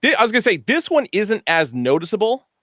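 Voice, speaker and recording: A man's voice: high voice, brisk, no room sound. Chatty man with a dry close sound. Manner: animated, chatty, self-correcting. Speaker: co-host presenting hats. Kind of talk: casual product show talk.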